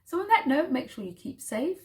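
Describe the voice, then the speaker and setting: A woman hosting her own vlog channel, chatting casually and gushing with soft, drawn-out emphasis. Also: high voice, very animated. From United Kingdom. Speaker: channel host.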